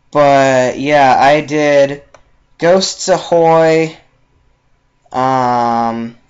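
Slow, rambling young man gaming. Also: medium pitch, lo-fi sound. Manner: relaxed and rambling, many ums. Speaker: game channel host. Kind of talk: casual gameplay commentary.

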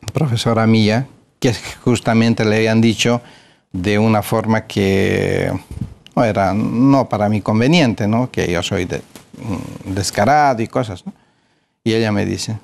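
Middle-aged guy, low gravelly voice, surgeon telling an old work story in an interview, lots of ums and eh's. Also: a little mellow. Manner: hesitant, with filler sounds, retelling dialogue. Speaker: plastic surgeon, interview guest.

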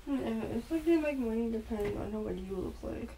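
A woman's voice: fairly high pitch, animated, moderate pace, dark tone, slight background noise, rough recording. A woman sleep talking, in drowsy, disjointed, mumbled phrases that often trail off unfinished.

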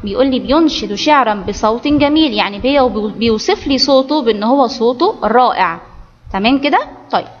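The recording is lo-fi and sounds as if made in a large hall. A high-pitched woman with an Egyptian accent, a primary school Arabic teacher, leads an online grammar class for children, going step by step and frequently confirming the students are with her.

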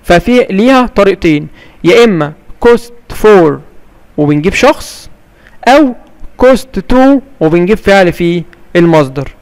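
Egyptian male English teacher, fairly high voice, asks and answers his own questions, reverberant room. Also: lively intonation, darkish tone, smooth. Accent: Egyptian Arabic. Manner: reads English examples slowly and carefully. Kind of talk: classroom-style grammar explanation.

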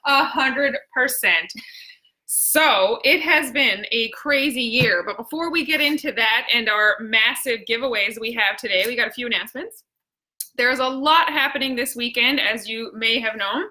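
A woman's voice: on the high side, normal speed, pushed and bright, poor audio. A woman with a Newfoundland accent hosting a casual live stream, chatty and exclamatory, with plenty of slang. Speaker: host.

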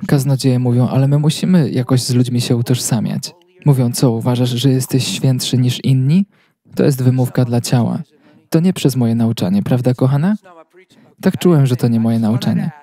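A man reading a translated sermon as a voice-over, telling it as a steady story. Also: mid-range voice, dry recording.

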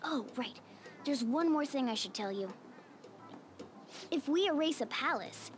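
A woman voicing a small, bossy male cat-like creature in a video game, scolding and impatient. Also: fairly high pitch. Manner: scolding, know-it-all.

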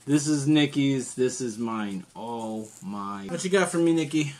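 A man's voice: fairly high pitch, measured pace, vocal fry. A man in his thirties chatting casually and playfully as he hosts a challenge video at home, picked up by a camera across a table. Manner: excitable, playful. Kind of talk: casual joking vlog chat. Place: small home room, indoors.

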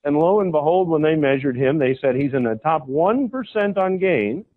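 An American cattle breeder gives a folksy, persuasive conference presentation from a hall stage, speaking in an animated way at normal speed and often checking in with the audience. The recording is tinny and low-fi, like a phone.

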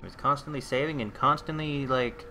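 Over game music and sound effects, a man plays through a game and comments on it, swearing at enemies in exasperation and addressing them mid-fight. His mid-range voice is pushed and bright at a normal speed, with a little hiss or hum present.

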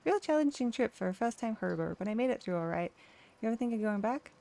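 A woman's voice: fairly high pitch, lively intonation, fast talker, vocal fry, warm tone. A woman voicing a cheerful, easygoing drifter man with a folksy drawl. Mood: joking.

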